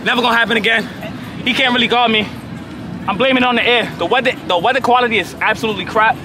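A high-voiced young man brags and trash-talks in a loose, joking way. He sounds like he is outdoors on a beach, with a crowd chattering in the background. Wind and street noise also come through. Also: fairly even intonation, rapid-fire. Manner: boastful, loud, joking excuses. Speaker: vlogger playing beach football. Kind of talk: casual trash talk.

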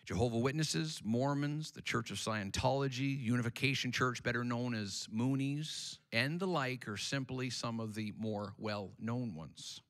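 A male pastor delivers a sermon in a church sanctuary at a slow, deliberate pace. His voice is bright and forceful. He repeats key phrases emphatically and calls out to the congregation for a response. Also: mid-range voice. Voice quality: emphatic, repetitive, call-and-response.

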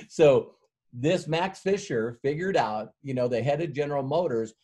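Middle-aged male workshop speaker, mid-pitched, rambling storyteller, chuckles and fillers. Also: a little mellow. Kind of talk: motivational sales workshop talk.

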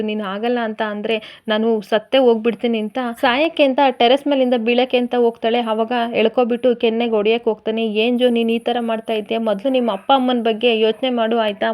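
A woman's voice: fairly high pitch, lo-fi sound. Woman retelling a TV serial. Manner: steady storytelling with quoted dialogue. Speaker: serial episode recapper. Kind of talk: retelling a TV serial episode, voicing the characters' lines.

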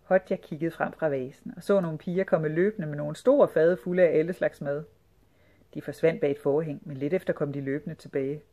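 A woman narrating a children's storybook with a lively, expressive read. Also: sits low. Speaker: audiobook reader.

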